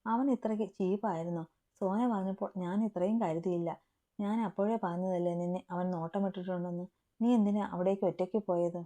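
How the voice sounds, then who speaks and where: A woman's voice: fairly low pitch, fairly even intonation, a little fast, mellow, lightly acted. A woman voicing a teasing, bossy young student friend, in a storybook reading. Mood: indignant.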